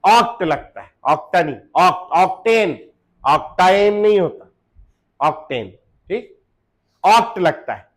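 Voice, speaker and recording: A man with a high voice teaches chemistry to a class, very animated but slow, with long pauses. He fires questions at the students and answers them himself, jokes around, and drops in English phrases during the lecture.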